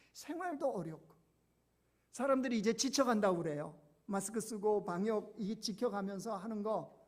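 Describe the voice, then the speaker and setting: A male pastor preaching a sermon, dropping to hushed low phrases and rising to loud, urgent appeals with rhetorical questions to the congregation. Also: vocal fry.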